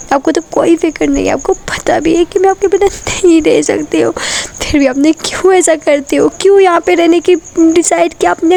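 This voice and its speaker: Woman doing a crying young girlfriend in a storybook romance, high hurt voice, a bit gravelly. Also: warm tone. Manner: tearful, pleading and accusing. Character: heartbroken young woman leaving her lover.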